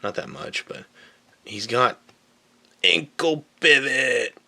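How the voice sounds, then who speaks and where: A man casually reviewing an action figure, chatty and relaxed, with lots of fillers and a little out of breath. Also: medium pitch, slow pace, vocal fry. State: slightly out of breath. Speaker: toy reviewer. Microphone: camera mic on tripod.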